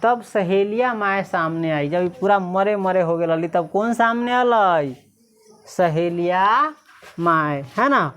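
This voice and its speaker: A woman's voice: on the low side, lively intonation, slow, a bit bright. A woman teacher explaining a story, asking her class questions and answering them herself, slipping into village dialect.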